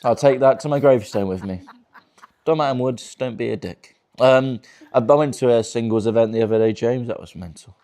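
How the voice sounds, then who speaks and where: Swearing, teasing young comedian, dark voice. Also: male voice, medium pitch, a little fast. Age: 20s. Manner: crude, teasing, laughs often. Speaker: stand-up comedian doing crowd work. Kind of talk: crowd work in a virtual reality comedy show.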